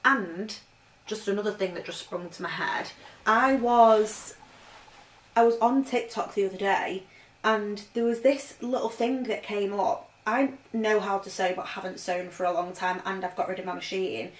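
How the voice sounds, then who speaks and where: In a roomy, echoing space, a fashion vlogger talks from off-mic at a normal speed, her medium-pitched voice rambling through a casual vintage clothing haul at home. She fills her chatter with "like."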